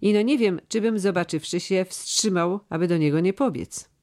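A man's voice: sits high, moderate pace, pitched above the performer's own voice. A man reading the part of a homesick young male servant who talks in a pleading, heartfelt way. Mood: longing, pleading. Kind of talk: audiobook character reading.

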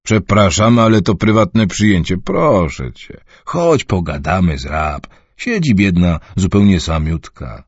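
Man doing a loud, hearty older uncle, low and husky, on a dull muffled recording. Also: a little slow, no echo. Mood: coaxing. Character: bald older uncle, gruff and jovial.

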